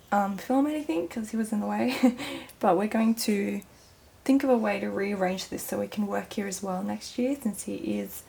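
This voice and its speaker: Woman vlogger, hushed and half-whispered, croaky morning voice with plenty of fry, chatting casually in her small studio. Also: mid-range voice, slight background noise. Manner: talking quietly, half-whispering. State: groggy early-morning voice. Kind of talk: casual chat while working.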